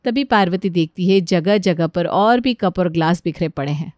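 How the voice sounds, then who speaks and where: Woman narrator, calm storybook read, dry close sound. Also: on the low side, moderate pace, no echo. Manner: even, storytelling delivery.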